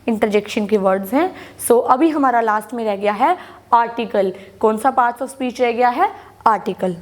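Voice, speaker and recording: A woman with an Indian English accent teaches a school grammar class in Hindi mixed with English. Her voice sits high, and she works patiently through each point, asking questions and then answering them herself. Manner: explains patiently, repeats key words, asks and answers her own questions.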